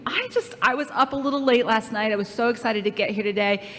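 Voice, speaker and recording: A woman leading a children's camp lesson, playful and animated as she speaks straight to the kids. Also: a little high, fast talker. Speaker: children's program leader. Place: church. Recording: echoey hall reverb.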